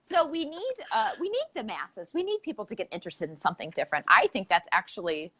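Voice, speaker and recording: Very animated woman hosting a podcast. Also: mid-range voice, fast. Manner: informal, jokey, filler-laden. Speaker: podcast host. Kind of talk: casual chat, interviewing.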